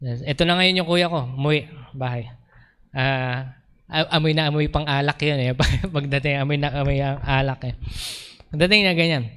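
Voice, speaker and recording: A man preaching at a church service in a Filipino accent. His voice sits a little high and rings out clean and resonant. He tells a personal story, moving between Tagalog and English. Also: normal speed, fairly bright tone, smooth. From Philippines. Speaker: pastor. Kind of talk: sermon with personal testimony.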